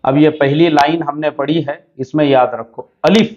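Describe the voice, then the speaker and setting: Guy teaching arabic letters, slow stretched sounds, kinda muffled lo-fi audio. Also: a little high, fairly even intonation, a little mellow. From India. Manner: drawn-out sounding of letters, patient explaining. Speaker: Quran reading teacher. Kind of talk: Urdu Arabic-alphabet lesson.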